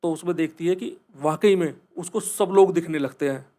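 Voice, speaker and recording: A man's voice: on the high side, moderate pace, mellow. A man telling a horror story in a casual, conversational way and speaking straight to his listeners. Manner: conversational, addresses listeners directly.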